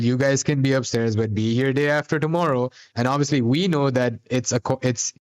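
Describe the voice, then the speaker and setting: Man, podcast co-host, casual recap chat, rambling, lots of restarts, mid pitch. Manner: rambling, many fillers and restarts.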